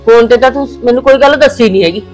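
An actress playing an older mother who scolds her daughter's in-laws in a village family drama, sharp and indignant. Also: a little high, rapid-fire, faint music behind, lightly acted.

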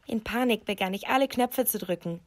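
Dramatic woman narrating a dark story. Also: a little fast. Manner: dramatic, emotive storytelling with sudden rises in pitch. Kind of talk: scripted first-person story narration.

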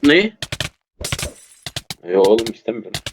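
A man playing an online game with a teammate, swearing constantly and shouting in frustration. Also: mid-range voice, big pitch swings, measured pace, background noise. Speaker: gamer streamer. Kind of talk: casual gameplay chat with teammate.

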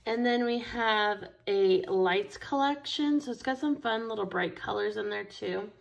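In a rough recording, a woman with a medium-pitched voice and vocal fry speaks unhurriedly as she teaches a casual craft tutorial. She's a craft store instructor who chats enthusiastically while working with her hands at a table, and an overhead camera shows only her hands.

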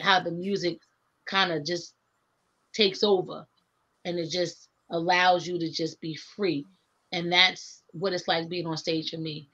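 Speaking over a webcam with dull, lo-fi audio, a middle-aged woman who raps chats casually as a guest from a home studio lined with framed records. Her fairly low, fairly bright voice carries an earnest, reflective manner, and she laughs a lot.

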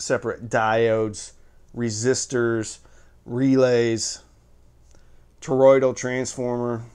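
Man, channel host, casual product review, mid-pitched voice, chatty, jokey, explains step by step.

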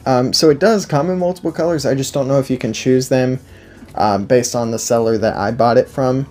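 Speaking briskly in a medium-pitched, slightly mellow voice, a man in his twenties reviews a product off the cuff over soft background music. He sits at a table before a backdrop indoors, enthusiastic, emphatic, and repetitive.

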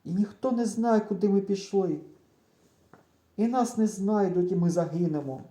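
A man's voice: high voice, moderate pace, warm tone, echoey room, voice pushed up, close to an everyday voice. A man voicing a frightened young village boy who pleads and frets in a tearful way. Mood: pleading.

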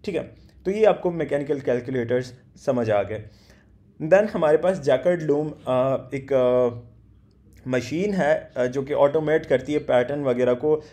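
A man teaching a beginner class, explaining step by step with many hesitations and slowly reading out English slide text. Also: mid-range voice, mellow. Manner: explains step by step, many hesitation sounds, stumbles on foreign names.

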